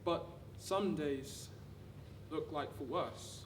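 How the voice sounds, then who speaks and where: A woman giving a rehearsed dramatic reading of wartime letters, measured, with deliberate pauses. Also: low-pitched. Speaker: actor reading a monologue. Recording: distant, echoey room with background noise.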